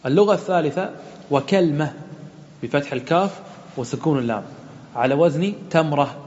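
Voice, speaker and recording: A man teaching a classical Arabic grammar lesson as a sheikh, explaining slowly, repeating word forms and asking and answering his own questions. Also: a little high, a little mellow. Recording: muffled lo-fi audio with long reverb in a hall, faint hum.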